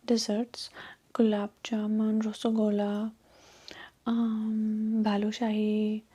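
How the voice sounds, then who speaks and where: A gossipy young Indian woman with an Indian accent murmurs in a soft, breathy whisper on a marriage date, as a woman acts her out for ASMR. She rambles and brags in a mellow, flat tone that sits fairly high.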